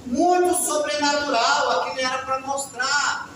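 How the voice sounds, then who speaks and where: High, bright-voiced preacher in an echoey hall. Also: male voice, a little slow, far from the mic, slight background noise. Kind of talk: testimony sermon.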